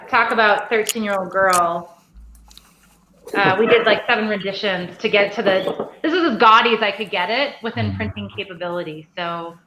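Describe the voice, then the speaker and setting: A woman in her forties, a guest distiller on a casual livestream, chats over a video call, rambling and laughing easily. Her voice is medium-pitched, and the recording is echoey and dull, with background noise and faint clicks.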